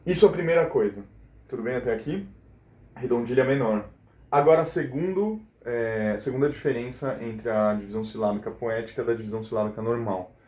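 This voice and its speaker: In a recorded lesson with a roomy echo, a male teacher breaks down a poem's syllable count. His voice is medium-pitched and dark, his delivery brisk, and he keeps checking in with students through frequent questions.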